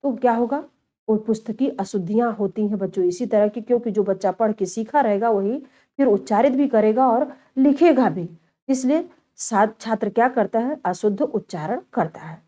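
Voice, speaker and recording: A woman teacher giving an exam-prep lecture. She explains each point in turn, calls her students children, and slows down to show how words are said. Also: fairly high pitch, dark tone. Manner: slows down and stretches words when showing pronunciation.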